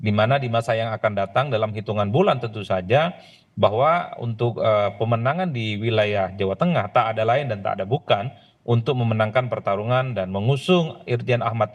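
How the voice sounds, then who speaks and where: A man's voice: medium pitch, highs cut off. A man speaking as a political analyst guest in a live news interview, in long flowing analytical sentences over a remote link. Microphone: remote video call link.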